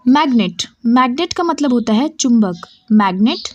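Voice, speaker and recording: A woman teaching English vocabulary, saying each word and its meaning slowly and repeating both. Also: a little high, expressive, a little mellow, dull audio, a little hiss or hum. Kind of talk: slow word-by-word vocabulary drill.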